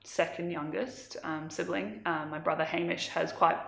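A woman's voice: low-pitched, fairly even intonation, moderate pace, vocal fry, roomy sound. A woman in her twenties, born in Malawi, chatting as an interview guest in a casual, self-deprecating way. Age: 20s.

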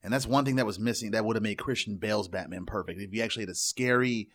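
A man chatting casually about movies as a podcast co-host, talking in quick bursts with restarts. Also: on the low side, fairly bright tone.

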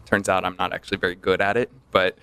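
A man chatting as a podcast guest, relaxed and self-deprecating as he tells stories. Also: sits low, quick pace, clean tone, dry recording. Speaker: guest, audio manufacturer rep. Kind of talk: casual podcast chat.

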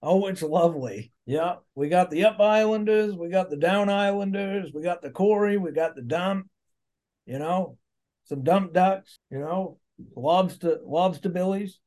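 A man's voice: high voice, measured pace, darkish tone. A man voicing a blustering rural boss who owns a mud truck, talking in a folksy, rambling way. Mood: boastful. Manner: folksy, rambling, cheerfully crude.

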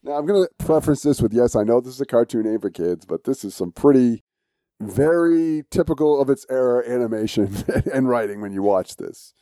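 A man hosting a podcast in casual chat, speaking a little haltingly. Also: medium pitch, expressive, mellow, dry recording. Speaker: podcast host.

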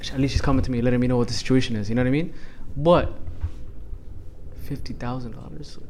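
Young man, fast pace, emphatic slangy delivery, casual podcast chat, faint background noise. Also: medium pitch, fairly even intonation, vocal fry, darkish tone. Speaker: podcast panelist.

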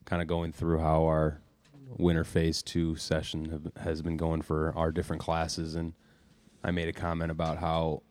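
A man in his twenties, a golf coach, recapping a meeting in relaxed podcast chat with fillers. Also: a bass voice, moderate pace, dry recording. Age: 20s. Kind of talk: casual chat.

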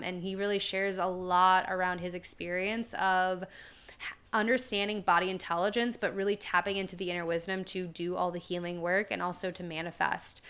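Speaking in a lowish, fairly bright voice with a clean tone, a woman hosts a podcast interview. She sounds enthusiastic and leans heavily on fillers like "like" and "really."

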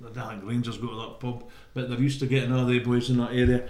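A man's voice: mid-range voice, level tone, quick pace, darkish tone. A man with a Scottish accent chatting casually as he hosts a panel. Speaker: host putting questions to a panel. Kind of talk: casual chat. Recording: roomy, echoing room sound.

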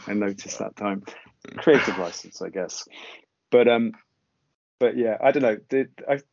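A man co-hosting a podcast muses about films in a low voice, hesitating and trailing off as he thinks. The recording is dry and close, with a dull, lo-fi tone. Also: vocal fry, a little mellow, no echo. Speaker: podcast co-host. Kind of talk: casual film chat.

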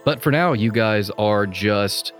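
A man narrating a tabletop game as game master, with upbeat, loud banter. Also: on the low side, slow pace, faint music behind.

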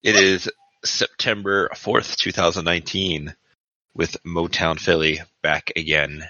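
A man with a very low voice and a strikingly bright, sharp edge plays a tabletop game. He trades puns and jokes with the table. The recording is dull and lo-fi. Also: level tone, unhurried, no room sound. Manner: joking, punning.

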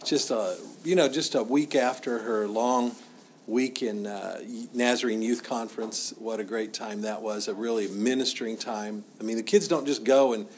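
A middle-aged man teaching as a pastor in an informal, halting, conversational way, often repeating himself. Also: on the low side, steady tone, darkish tone, slight background noise.

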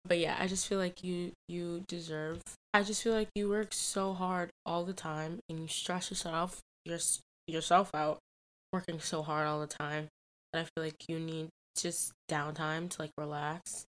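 A woman's voice: lowish voice, little pitch movement, measured pace, a bit bright. A young woman in her late teens, co-hosting a casual podcast with her mother, speaking heartfelt and rambling. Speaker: podcast co-host, daughter. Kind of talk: casual chat.

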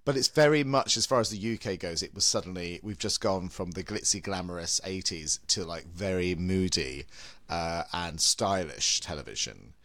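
A man's voice: low-pitched, normal speed, fairly bright tone, no room sound. A man hosting a casual film and TV chat in a campy, theatrical drag queen manner. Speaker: podcast host.

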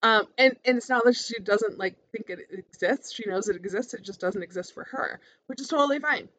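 A woman talking in a calm, therapist-like way, giving an informal, encouraging motivational monologue as a podcast host. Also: fairly high pitch, a little fast, a little hiss or hum. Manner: casual, conversational, encouraging.

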